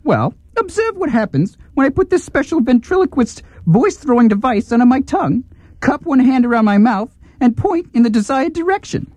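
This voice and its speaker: A man's voice: very high-pitched, big pitch swings, brisk, darkish tone, no room sound, exaggerated voice. A man playing a bossy, wisecracking sidekick in a comedy audio drama, talking in a brash, slangy way. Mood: cocky.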